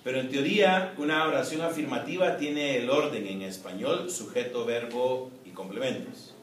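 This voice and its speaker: A man as a professor giving a recorded class lecture, explaining in a measured way with frequent "eh" and "¿no?" tags. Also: medium pitch. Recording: echoey room, distant mic, faint noise.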